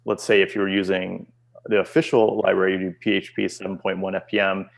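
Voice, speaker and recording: A man explaining technical details in a relaxed, confident way during a casual chat. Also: deep voice, fast talker, gravelly.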